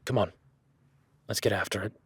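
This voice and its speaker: A man plays a rugged cowboy rancher in a first-person audio roleplay, teasing a new hand in a wry, laid-back way and speaking softly to his horse. His lowish voice has a husky, breathy edge and a moderate pace. The sound is dry and close, with no echo or room around it.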